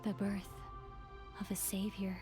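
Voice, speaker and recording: An actress playing a mysterious, portentous voice in a dream, solemn and half-whispered, in a video game. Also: female voice, mid-range voice, little pitch movement, measured pace, lightly acted. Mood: ominous. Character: mysterious ominous voice in the darkness, heard in a dream. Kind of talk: dramatic game voice acting. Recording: music behind the voice.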